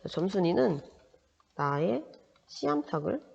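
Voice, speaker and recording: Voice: mid-range voice, very animated, unhurried, vocal fry, darkish tone, breathy edge. Teacher reading aloud in an echoing, dull recording. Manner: explains with frequent rhetorical check-in questions. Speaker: Korean language teacher. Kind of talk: reading a story aloud and explaining it to students. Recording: dull lo-fi sound with long reverb.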